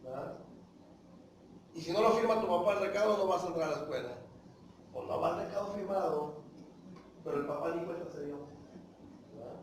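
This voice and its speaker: A man's voice: on the high side, brisk, long pauses, a little hiss or hum. A man preaching a sermon, calling his listeners brothers, asking rhetorical questions and acting out little dialogues. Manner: acts out short dialogues in voices. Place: church hall. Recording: echoey hall, voice from far off.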